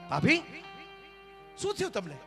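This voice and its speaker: A man's voice: extremely high pitch, huge pitch swings, a little slow, creaky, music in the background, voice pushed up, heavily acted. A man voicing a young village brother-in-law who presses with urgent, worried questions.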